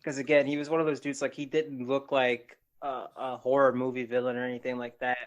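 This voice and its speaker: A man's voice: medium pitch, level tone, a little fast, lo-fi sound. A man in his thirties, co-hosting a casual podcast chat, telling stories loosely with swearing and laughter. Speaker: podcast co-host.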